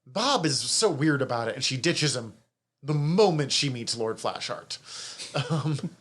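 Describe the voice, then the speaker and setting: A man's voice: mid-range voice, expressive, unhurried, a bit bright, slightly rough. A man co-hosting a podcast, chatting casually about a TV series, swearing freely and laughing often. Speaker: podcast co-host. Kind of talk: casual review chat.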